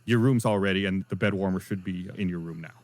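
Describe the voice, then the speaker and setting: A man's voice: sits low, fast, a little mellow. A man narrating as game master in a playful way, often breaking into laughter. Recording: faint music behind.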